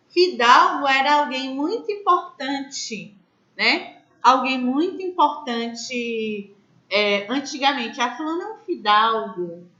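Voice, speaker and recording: A woman's voice: a little high, sharp tone, echoey room, highs cut off. A woman teaching a grammar class, explaining step by step and asking her students questions. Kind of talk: online class lecture.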